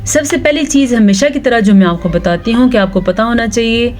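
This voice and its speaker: A woman teaching Quran recitation rules, reciting verses slowly and drawn out, then explaining each rule. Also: a little high, a little mellow, slight background noise. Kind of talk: slow recitation lesson with explanations.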